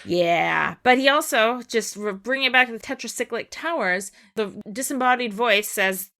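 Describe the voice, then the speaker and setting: A woman's voice: fairly high pitch, moderate pace, pushed and bright. A woman co-hosting a casual chat, explaining a video game's story in a rambling way. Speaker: podcast co-host.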